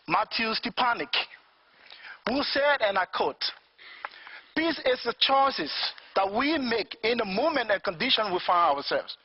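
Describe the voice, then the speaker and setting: A man's voice: high-pitched, breathy edge, lo-fi sound. A man from Liberia in his fifties, giving a formal, earnest speech as an invited speaker and posing rhetorical questions.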